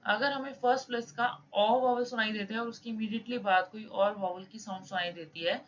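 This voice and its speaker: A woman's voice: medium pitch, fairly even intonation. Woman teacher. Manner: reads English rules slowly, then explains in mixed Hindi-English. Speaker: shorthand teacher. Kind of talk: explaining lesson with examples. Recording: slightly dull with faint noise.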